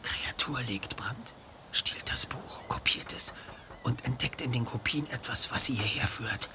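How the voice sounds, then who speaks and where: A man's voice: medium pitch, slow, whispered, close to an everyday voice. A man acting a self-assured young detective leader in an audio drama, articulate and commanding. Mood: hushed, deducing.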